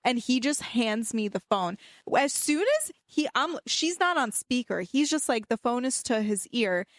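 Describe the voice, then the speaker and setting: A woman co-hosts a podcast in casual chat, retelling things bluntly and with drama. Her voice sits a little high, and the sound is dry and close-miked. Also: animated, measured pace, no echo. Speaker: podcast co-host.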